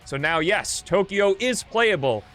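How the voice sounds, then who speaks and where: Over background video game music, a man streaming live offers casual, rambling commentary, thinking out loud as he plays. His voice sits high with lively intonation, a measured pace, and a somewhat bright tone.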